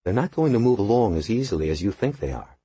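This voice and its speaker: A man's voice: fairly low pitch, very animated, quick pace, mellow, breathy edge, dry recording, voice pushed up. A man reading an audiobook, voicing a streetwise female police officer who speaks firmly and directly.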